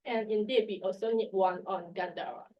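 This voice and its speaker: A woman with a sick voice, clearing her throat, reading an academic paper in at a lecture-room symposium. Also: medium pitch, fairly even intonation. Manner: reads a prepared paper, measured. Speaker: academic presenter. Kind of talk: conference paper presentation. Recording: distant, dull room mic.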